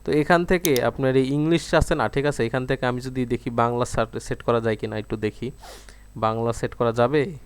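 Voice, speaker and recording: A young man hosting a casual software tutorial, chatty, filling pauses and often checking "okay?" with viewers. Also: mid-range voice, steady tone, a little hiss or hum. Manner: chatty, keeps asking "okay?", many fillers. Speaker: tech tutorial host.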